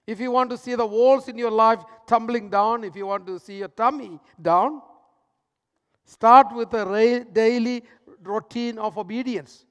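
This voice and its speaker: High-voiced preacher in a reverberant hall. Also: male voice, measured pace, smooth. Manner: dramatic swings between loud emphasis and hushed, soft lines. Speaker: pastor. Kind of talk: sermon.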